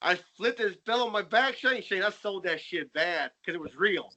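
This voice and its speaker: A man's voice: high voice, lively intonation, normal speed, pushed and bright. A young man co-hosting a podcast, rambling through stories in casual banter and laughing as he talks. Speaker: podcast co-host.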